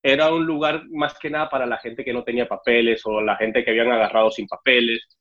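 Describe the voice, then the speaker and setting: The muffled, dull recording captures a young Cuban-born man telling his story in a casual interview, voicing the dialogue loudly. His Mexican Spanish accent comes through in a mid-range voice with fairly even intonation and a quick pace.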